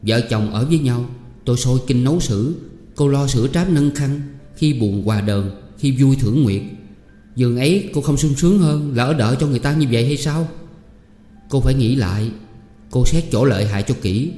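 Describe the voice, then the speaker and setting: A man voicing a boastful, pushy rich young male scholar who talks loudly. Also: medium pitch, lively intonation, fairly quick, faint music behind, natural voice. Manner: pleading and boastful, loud. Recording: echoey room with long reverb.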